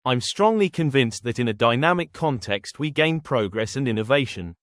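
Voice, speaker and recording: A man's voice: mid-range voice, animated, normal speed, a bit bright, dry recording, clean studio sound. Man giving a formal candidate statement. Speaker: board candidate.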